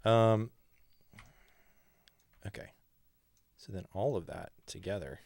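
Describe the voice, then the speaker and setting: A man's voice: lowish voice, takes it slowly, vocal fry, a little mellow, dry recording. A man hosting a music livestream, chatting in an upbeat, playful way while he works in his studio. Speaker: livestream host and music producer. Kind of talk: casual livestream chat. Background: music playing.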